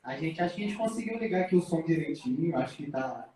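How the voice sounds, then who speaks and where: A man's voice: a little high, animated, fast, mellow. Carioca man hosting from an echoey room. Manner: practical, organizing, checking the sound and guiding the others. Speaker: live stream host. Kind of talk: casual live stream hosting. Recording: echoey room, distant mic, faint noise.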